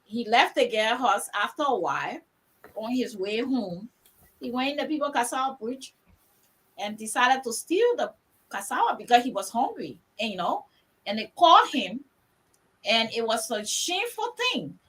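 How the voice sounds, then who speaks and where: A woman's voice: a little high, big pitch swings, moderate pace, fairly bright tone, slightly rough, low-quality recording. A woman from Liberia with a Liberian accent, moderating a panel discussion in an emphatic, storytelling way that repeats words for stress.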